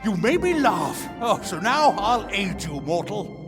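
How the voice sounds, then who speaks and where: An actor playing a giggly, self-satisfied male god of jokes with a gravelly, cackling laugh in a video game. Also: high voice, big pitch swings, a little slow, exaggerated voice. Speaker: god character. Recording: game audio with music.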